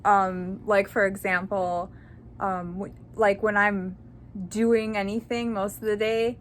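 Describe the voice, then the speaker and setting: A woman's voice: mid-range voice, little pitch movement, slow, slight background noise. Chatty, candid woman vlogging. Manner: chatty, candid, rambling with many fillers. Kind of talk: casual personal vlog.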